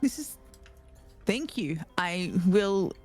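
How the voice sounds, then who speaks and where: A woman's voice: medium pitch, lively intonation, slow, darkish tone, faint music behind. A woman playing a tabletop game, giggly and stammering as she talks in character.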